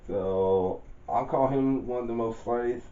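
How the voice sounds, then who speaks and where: A man's voice: mid-range voice, slow, dark tone. Man, casual rambling character rundown, informal grammar, self-corrections; roomy echo, dull lo-fi sound. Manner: loose and rambling, correcting himself mid-sentence. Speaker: channel host describing his own story character. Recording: roomy, dull lo-fi home recording.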